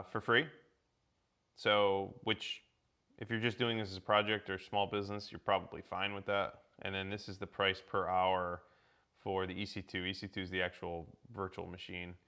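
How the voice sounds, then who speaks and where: A man's voice: fairly low pitch, a bit bright. A man walking viewers through a tech setup on a casual livestream, rambling with many restarts and filler words. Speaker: guest presenter.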